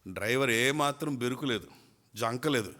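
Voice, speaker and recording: A man preaching a sermon at a church youth retreat, telling a story in an animated way and acting out its quotes. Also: mid-range voice, moderate pace.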